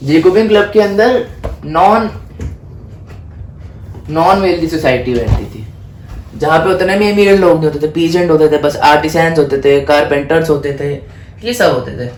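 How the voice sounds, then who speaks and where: A man's voice: fairly high pitch, normal speed, pauses often. A man giving a casual exam-prep history lesson. He mixes Hindi and English, asks himself questions and then answers them, and stumbles over French names. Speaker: history tutor. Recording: echoey room, faint background noise.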